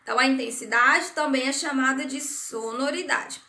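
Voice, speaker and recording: A Brazilian woman teaching a recorded primary school science lesson. Her voice is high and bright. She explains things step by step, repeating herself and checking with the class, and the sound has the echo of a room. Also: moderate pace. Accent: Brazilian Portuguese. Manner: patient, repetitive explaining with frequent "né?" and "certo?".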